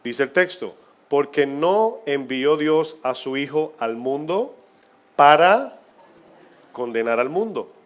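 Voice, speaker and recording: A man preaching a sermon as pastor of his church, asking the congregation questions and moving between loud emphasis and quiet, drawn-out phrases. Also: on the high side, animated.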